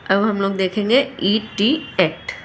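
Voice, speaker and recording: A woman's voice: mid-range voice, fairly even intonation, measured pace, slight background noise. A woman teaching a phonics lesson, patiently sounding out each letter. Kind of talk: phonics lesson for parents and children.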